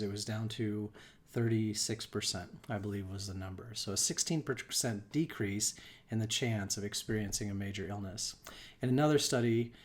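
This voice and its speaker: A man, a life coach, hosting a live wellbeing talk in an unhurried, reflective way, with frequent ums and restarts. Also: on the low side.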